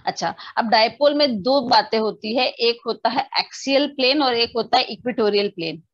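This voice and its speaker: A woman's voice: fairly high pitch, normal speed, no room sound. Dry, slightly muffled woman teaching physics. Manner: explains step by step, often asking students if they understood; mixes English definitions into the explanation. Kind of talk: online class lecture.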